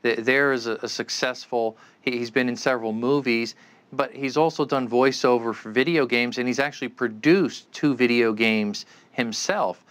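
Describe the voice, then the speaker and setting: As an expert guest and commentator, a man gives unscripted answers in an interview, often stammering and repeating himself while explaining things. His voice is medium-pitched and fairly bright, at a moderate pace.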